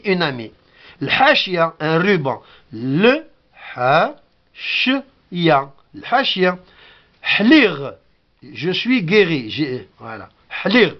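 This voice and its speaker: Slow, sing-song man teaching word by word. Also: fairly high pitch, dull audio. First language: Kabyle. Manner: repeats each word slowly, sounding it out. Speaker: language teacher. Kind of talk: patient spoken lesson.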